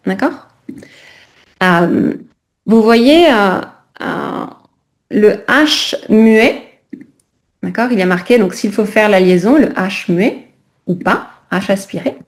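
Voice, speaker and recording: A woman teaching a French class over a video call, pausing often to check that students follow. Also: medium pitch, lively intonation. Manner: keeps checking in with "d'accord?".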